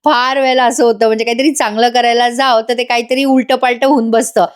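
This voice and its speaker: A woman's voice: on the high side, little pitch movement, fast talker. A woman narrating a voice-over recap of a TV serial episode, chatting directly to her viewers. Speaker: TV serial reviewer.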